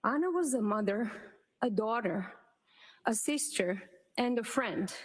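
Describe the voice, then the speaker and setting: A woman in a courtroom recording, reading a prepared impact statement at the witness stand in a measured, solemn way. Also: a little high, expressive, breathy edge. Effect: courtroom audio feed played on a livestream. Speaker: victim's sister giving an impact statement.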